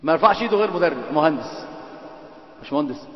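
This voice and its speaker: A man delivers an Islamic lesson at a rapid clip, moving between formal classical phrasing and colloquial asides. He teases and quizzes his students. His high voice rings through a long, echoey hall on a dull, lo-fi recording. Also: expressive. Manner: mixes classical and colloquial speech. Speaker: religious teacher.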